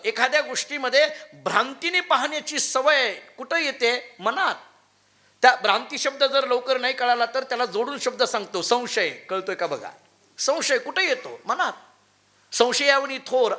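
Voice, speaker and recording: A male devotional preacher giving a sermon in a temple, telling stories and chanting scripture quotes with lively emphasis. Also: very high voice. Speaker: kirtankar preacher. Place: temple hall.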